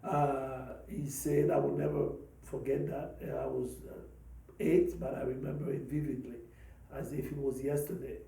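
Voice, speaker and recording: A man in his fifties from Congo, a pastor and podcast host, telling his life story slowly and hesitantly, with many pauses and fillers. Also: medium pitch, little pitch movement, vocal fry, dark tone, echoey room, far from the mic, rough recording. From Democratic Republic of the Congo. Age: 50s. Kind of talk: personal testimony talk.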